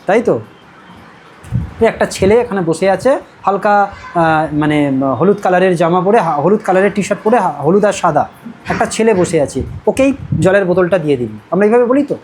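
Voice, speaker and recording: A woman's voice: mid-range voice, a little mellow, slight background noise, low-quality recording. A woman from Medinipur with a Medinipur Bengali accent, teaching a spoken English class. She explains step by step in a classroom and keeps checking in with her students. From Medinipur, West Bengal. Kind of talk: classroom lesson.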